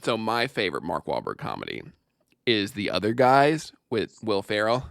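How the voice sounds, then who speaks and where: A man's voice: on the low side, very animated, normal speed, gravelly, fairly bright tone, smooth, no room sound, clean studio sound. A male comedian chatting casually as a podcast guest, joking and laughing often.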